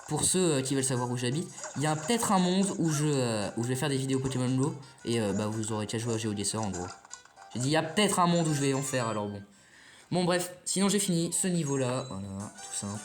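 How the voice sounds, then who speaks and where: Brief: male let's player, mid-pitched, loose and chatty, casual swearing, soft game music behind. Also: expressive, fast. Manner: chatty and rambling, swears casually, talks to viewers. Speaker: let's play host. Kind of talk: casual gameplay commentary.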